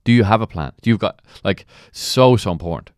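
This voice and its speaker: A man with a very deep voice coaches in motivational commentary, recorded close and dry. He makes his points emphatically and poses rhetorical questions. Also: expressive, fairly quick, smooth, no echo. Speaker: mentor and coach. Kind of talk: motivational commentary on a client testimonial.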